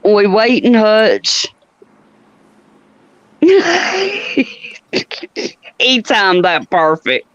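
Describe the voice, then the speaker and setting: A woman hosting a casual group chat, talking in a laid-back, drawn-out way. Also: mid-range voice, big pitch swings, dry recording. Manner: laid-back, drawn-out talk with frequent laughter. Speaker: panel host. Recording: dry, muffled call audio.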